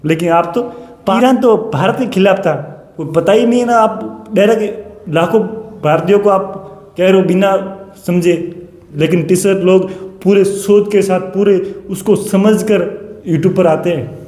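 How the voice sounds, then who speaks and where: A man's voice: high voice, measured pace, darkish tone. A man, a coaching teacher, delivering an impassioned rebuttal monologue, fiery and repetitive with sarcastic direct address. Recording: echoey room with long reverb.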